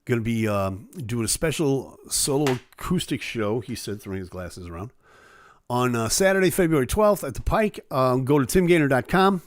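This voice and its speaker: A man hosting a live stream chats casually and self-deprecatingly with viewers, full of fillers and asides, while his voice gives out and he clears his throat. He speaks animatedly at a moderate pace in a medium pitch, with no echo.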